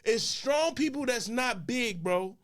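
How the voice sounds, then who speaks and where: A man with a very high, bright voice bantering with friends like a rowdy frat bro. He sounds exasperated and swears freely in loose slang. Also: lively intonation, slow. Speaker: panelist on a group talk show. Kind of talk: casual banter.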